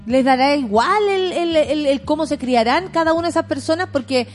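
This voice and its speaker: A woman's voice: high-pitched, a little fast, faint music behind. A woman with a Chilean accent hosting a casual talk, reflective, asking questions. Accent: Chilean Spanish. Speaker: host. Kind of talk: casual chat.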